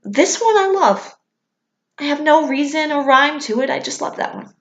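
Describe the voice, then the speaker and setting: A woman's voice: high-pitched, lively intonation, normal speed, fairly bright tone. A young woman, a vlogger, talking candidly and enthusiastically as a fan in casual commentary, with some casual swearing. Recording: echoey room.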